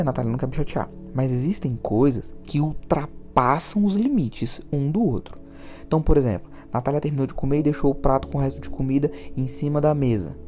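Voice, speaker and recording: Man, Brazilian accent, warm mellow tone, animated storytelling, faint music behind. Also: medium pitch. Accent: Brazilian Portuguese. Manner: animated, repeats words for emphasis. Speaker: podcast host. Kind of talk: personal storytelling.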